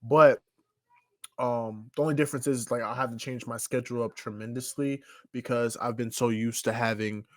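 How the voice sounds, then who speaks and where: With a mid-range, steady voice and a moderate pace, a man in his twenties rambles loosely while co-hosting a podcast. He keeps saying "you know what I'm saying," and the recording has no echo.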